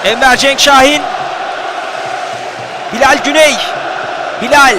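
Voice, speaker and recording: A man commentating a football match live, screaming excitedly as he follows the play. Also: very high voice, slow. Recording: noisy stadium feed with loud crowd. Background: loud football crowd.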